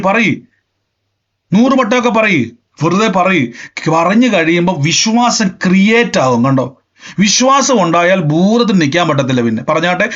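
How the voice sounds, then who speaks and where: A man preaching a sermon, emphatic and repetitive, often rising in pitch and force. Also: fairly bright tone, highs cut off. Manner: emphatic, repeats phrases, rises in pitch and volume. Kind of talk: Pentecostal sermon.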